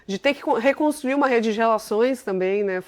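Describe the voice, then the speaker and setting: A woman's voice: fairly high pitch, a little fast. A woman in her forties from Brazil, a company CEO telling her life story as an interview guest, chatty and enthusiastic, peppering her talk with little tag questions. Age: 40s. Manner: chatty, full of filler tags, enthusiastic storytelling.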